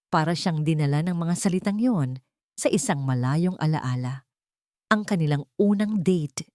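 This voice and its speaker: A woman with a Filipino accent narrates a scripted dramatic story in a low, dark, animated voice at normal speed. The recording is dry with clean studio sound.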